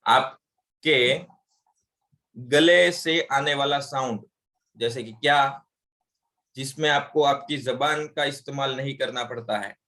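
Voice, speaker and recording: A man's voice: mid-range voice, slow pace, pauses often, bright, forceful tone. A man teaching English grammar in an online class, explaining patiently and repeating examples aloud.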